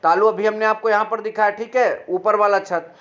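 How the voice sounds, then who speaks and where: A man with a high-pitched voice teaches an online grammar lesson. He asks questions and then answers them himself. He drags out each letter sound slowly and clearly to show how it is made. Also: steady tone, a bit bright. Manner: explains step by step, asks and answers his own questions.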